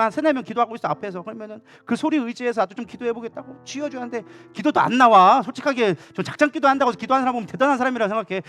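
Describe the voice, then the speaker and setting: Fast-talking high-voiced male pastor preaching. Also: fairly bright tone. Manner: passionate, conversational preaching. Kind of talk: sermon. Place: church sanctuary during a Wednesday evening service.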